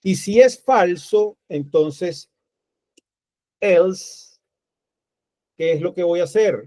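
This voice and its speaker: A man's voice: high-pitched, lively intonation, measured pace, warm tone, no echo. A man teaching a programming class, thinking aloud step by step while he types code. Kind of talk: screen-recorded coding tutorial. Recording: dull, lo-fi dry recording.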